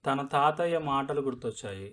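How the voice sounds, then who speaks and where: A man's voice: mid-range voice, expressive, fairly bright tone. A man with a Telugu accent teaching spoken English, reading a story line by line, translating it and saying "okay" often. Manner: slow, step-by-step, repeats phrases and says "okay" often.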